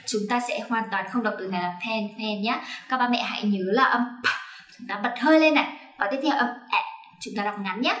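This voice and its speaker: A woman's voice: on the high side, fairly quick, fairly bright tone, roomy sound. A woman teaching English pronunciation to parents and children, coaxing and checking along as she goes. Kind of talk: online phonics lesson for parents and children.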